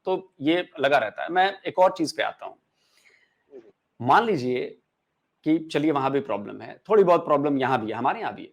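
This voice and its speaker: A man hosting a discussion, speaking in a deliberate, questioning way. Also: mid-range voice. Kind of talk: conversational discussion.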